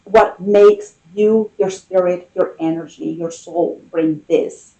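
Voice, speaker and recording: Slow, mellow-voiced tarot reader. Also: medium pitch, fairly even intonation, highs cut off. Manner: unhurried, musing, pausing between short phrases. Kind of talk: intimate, conversational tarot reading.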